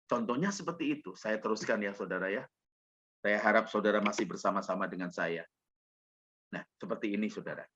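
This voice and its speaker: A male pastor preaching a sermon, shifting from low, quiet storytelling to loud, emphatic preaching and addressing the congregation directly. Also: slightly rough. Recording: dull, lo-fi sermon recording.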